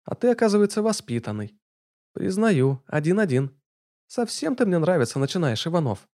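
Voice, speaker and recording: A man putting on a sharp-tongued mocking young woman. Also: high voice, big pitch swings, normal speed, pitched above the performer's own voice.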